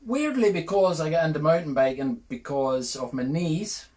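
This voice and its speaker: A Northern Irish man guesting on a podcast, trading dry, self-deprecating jokes. His voice runs a little high for a man, and his delivery is relaxed and conversational. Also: moderate pace. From Northern Ireland. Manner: dry, self-mocking humour. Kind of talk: casual chat.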